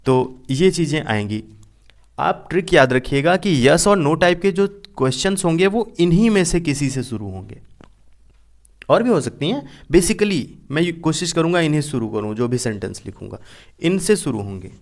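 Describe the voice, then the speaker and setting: Young male teacher, lively classroom explainer, acts out his examples. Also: on the high side, normal speed. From India. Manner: explains by repeating and asking questions back. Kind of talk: classroom grammar lesson.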